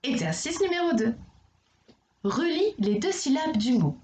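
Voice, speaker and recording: A woman primary school teacher talking a young child through exercises in a recorded lesson, with slow, careful enunciation. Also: high voice, big pitch swings, a little mellow. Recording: echoey room.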